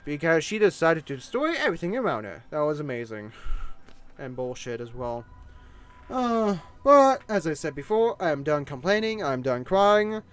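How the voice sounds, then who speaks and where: A young man with a German accent and a fairly high voice rambles through a casual, exasperated movie review. He drops into low mutters and then bursts out in complaint. Faint music plays underneath. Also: fairly bright tone. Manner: rambling, exasperated, swings between mutters and outbursts. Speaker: video creator.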